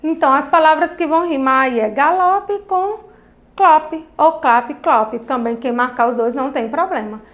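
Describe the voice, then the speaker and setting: A woman with a high, bright-toned voice leads a lesson for young children. She talks in a sing-song teacherly way and slows right down to stretch out each line of verse as she reads it aloud. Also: muffled recording. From Brazil. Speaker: primary school teacher. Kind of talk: online class for children.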